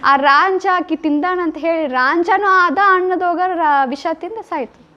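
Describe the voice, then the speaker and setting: Her pitch is extremely high and her pace a little slow. In this devotional talk, the spiritual speaker retells love stories with emotion and acts out the lines she quotes, captured on a dull lo-fi recording.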